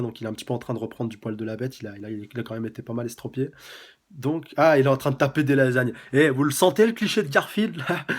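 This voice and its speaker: A man giving a casual live review of a comic chapter, reading its dialogue aloud in a chatty, halting way with many fillers. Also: medium pitch. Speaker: manga reviewer.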